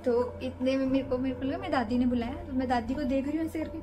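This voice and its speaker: A woman's voice: high-pitched, steady tone, fast, music in the background. A young woman vlogger chatting casually to camera, rambling through a scary story from her own nights.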